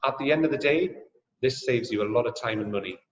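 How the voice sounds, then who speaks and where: Speaking at a quick pace, a Geordie drone sales trainer from Newcastle, England, runs a webinar, presenting material and fielding questions. His pitch is friendly but full of ums and uhs, and the sound is echoey and dull.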